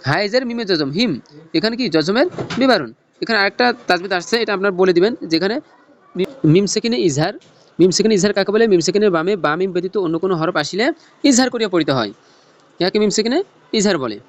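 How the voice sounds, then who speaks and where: A man teaching Noorani Quran reading in a lesson, spelling out letters and tajweed rules in a slow teaching chant. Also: high-pitched, lively intonation. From Bangladesh.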